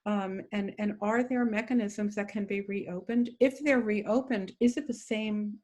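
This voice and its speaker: In an unhurried, steady mid-range voice with a darkish tone, an older woman lecturer takes audience questions over a video call. She is thoughtful and hedging, with small self-corrections and dry humor throughout this conversational academic Q&A.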